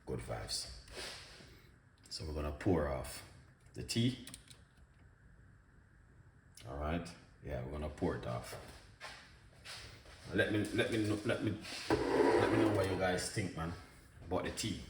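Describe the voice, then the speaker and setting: A cooking show host with a deep voice runs a casual live stream, speaking a little slowly and pausing often. He's upbeat and chatty, greeting viewers by name and where they're from. The mic sits at a distance in an echoey room with background noise.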